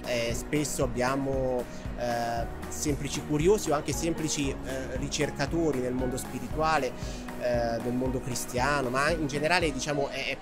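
A man's voice: medium pitch, steady tone, moderate pace. Guy at a book fair, lots of ehs, music behind. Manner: hesitant with many fillers. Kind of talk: interview answers.

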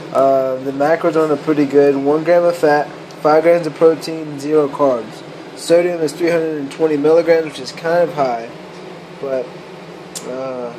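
A young man vlogging in his home kitchen, explaining his cooking step by step in a relaxed, matter-of-fact way with plenty of fillers. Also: on the high side, background noise. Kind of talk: casual cooking vlog. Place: home kitchen indoors, then a car. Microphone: handheld camera close, at times set down.

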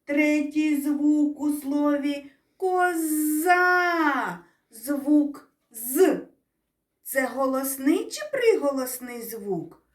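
A woman teaching young children, explaining in a drawn-out, sing-song way and asking the class questions. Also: sits high. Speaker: kindergarten teacher. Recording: echoey room, voice from a distance.

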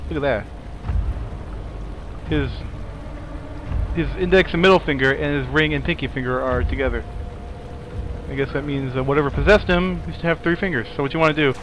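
A man's voice: on the high side, a bit bright, a little hiss or hum. A young man giving casual let's play commentary, rambling and apologetic, yelping when scared.

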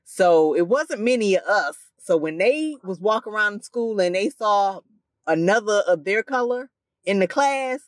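A woman's voice: medium pitch, expressive, measured pace, dry recording. A woman in her fifties hosting a podcast, chatting casually in a frank, teasing way. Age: 50s. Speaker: podcast host. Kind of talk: casual chat.

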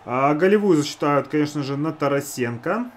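Male gamer, casual hockey play-by-play, fairly high voice, faint background game noise. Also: lively intonation, a little fast. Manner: talks to teammates and himself. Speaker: gamer narrating own hockey video game.

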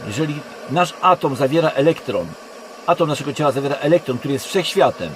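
A Polish man giving a rambling monologue to camera from inside a car, speaking haltingly and often correcting himself. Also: fairly high pitch. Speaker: online video creator. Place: inside a parked car in a forest. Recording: constant background noise in a car. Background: steady background hum.

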